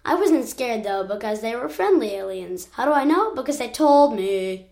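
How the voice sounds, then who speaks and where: Nervously brave eight-year-old, played by a woman, chatty and second-guessing, lightly raised pitch. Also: expressive, moderate pace, a little mellow. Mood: rambling. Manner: chatty, keeps correcting itself. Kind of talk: storybook narration.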